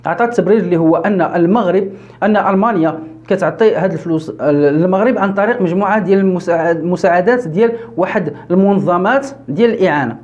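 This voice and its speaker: Fast-talking Moroccan man, high voice. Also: highs cut off. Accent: Moroccan Arabic. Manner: fast, animated, frequent fillers and self-corrections. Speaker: YouTube news commentator. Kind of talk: casual political commentary.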